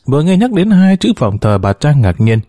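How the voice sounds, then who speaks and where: Man, storyteller, family drama narration, mellow tone, dry close sound, voices all characters. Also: fairly high pitch, big pitch swings, normal speed, no echo. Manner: voices every character himself.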